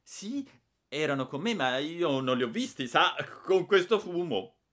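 A man's voice: on the high side, animated, fairly bright tone, pitched above the performer's own voice. A man voicing a cheeky, defiant young schoolboy who answers back proudly. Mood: innocent. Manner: proud, quick retorts.

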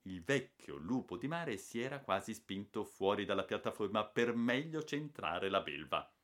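A man narrates an adventure novel in a dramatic audiobook reading. His voice sits fairly low and moves with lively intonation. He reads in an expressive, storytelling manner. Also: moderate pace.

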